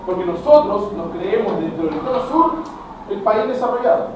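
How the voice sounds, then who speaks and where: A Chilean man in middle age teaches a classroom lecture with a fairly high voice, talking straight to his students. He is picked up from far across the room, so his voice booms in a very echoey space with clear background noise. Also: normal speed. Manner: animated, addresses students directly, acts out dialogues. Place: school classroom. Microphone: camera at a distance.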